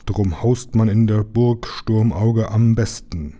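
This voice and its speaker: Man doing a rough pirate reciting slowly. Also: fairly low pitch, warm tone. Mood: pompous. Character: dim-witted male pirate reciting a rhyme, rough.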